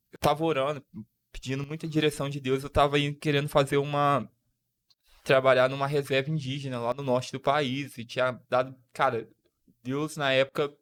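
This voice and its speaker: A man's voice: mid-range voice, fairly bright tone. Young Brazilian man telling a heartfelt story. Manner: emotional, slang-filled storytelling with frequent restarts. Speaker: podcast host. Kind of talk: casual podcast storytelling.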